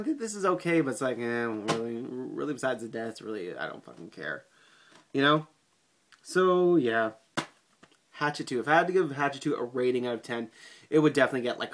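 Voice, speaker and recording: A man's voice: mid-range voice, fairly bright tone. A man giving a casual video movie review, rambling with frequent swearing, fillers and restarts.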